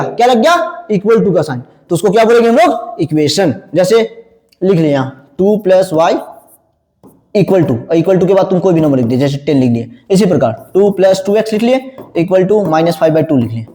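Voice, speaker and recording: A male math teacher quizzes his class in a high, sing-song voice with a darkish tone that leaps up and down, repeatedly posing a question and then answering it himself. It's a classroom lecture recorded in an echoey room, with a long reverb trailing after his words.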